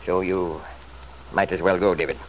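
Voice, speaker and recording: This actor's voice sits low and level, at a normal speed with only light acting. He portrays the same stubborn, selfish middle-aged father from an old-time radio soap, emphatically blustering and self-justifying in an indignant, defensive mood, on a noisy vintage recording.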